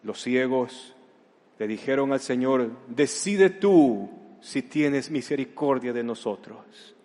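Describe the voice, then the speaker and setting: A man preaching a sermon as pastor, dropping to a hush and then rising to loud outbursts. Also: mid-range voice, animated, slow pace. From Ecuador. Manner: dramatic, swings from hushed to loud. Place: church hall. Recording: long hall reverb.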